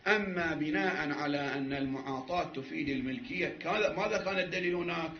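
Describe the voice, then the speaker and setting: A man's voice: on the high side, quick pace, a little hiss or hum. A man teaching a seminary jurisprudence class, arguing his point and restarting phrases as he goes. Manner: argumentative, repeats and restarts, laughs at times. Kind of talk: jurisprudence class lecture with debate. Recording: echoey room, dull lo-fi sound.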